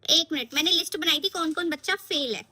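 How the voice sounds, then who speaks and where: A woman's voice: very high-pitched, fast talker, bright, forceful tone. A woman playing a strict, scolding teacher and mother in a comic skit. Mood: stern. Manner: scolding, bossy.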